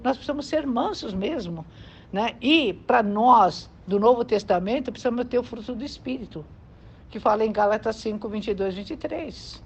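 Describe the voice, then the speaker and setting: At a normal speed and a slightly high pitch, a Brazilian woman preaches in an animated, breathy way, treating the sermon like a conversation and asking the congregation whether they agree. Expect a Brazilian Portuguese accent and dull, low-fidelity audio carrying faint background noise.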